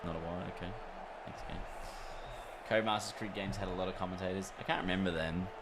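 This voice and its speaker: A man's voice: deep voice, steady tone, fast talker. A man chatting casually on a gaming livestream, reacting aloud to play and answering chat. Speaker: gaming streamer. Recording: clear background noise.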